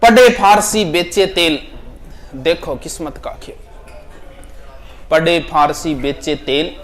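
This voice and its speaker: A man's voice: high voice, a bit bright. A man with a Rajasthani accent teaching a class, repeating each proverb and explaining it in a chatty style with local dialect and jokes for the students.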